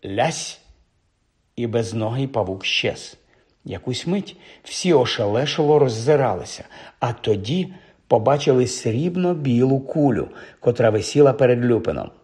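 A man reading a fantasy story aloud as an audiobook narrator, steady and vivid. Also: mid-range voice, measured pace, husky.

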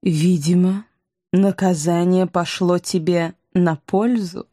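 A woman's voice: lowish voice, fairly even intonation, takes it slowly, warm tone, no echo, clean studio sound. A woman playing a cold, haughty evil queen. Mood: imperious. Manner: haughty, menacing, sarcastic. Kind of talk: audiobook character reading.

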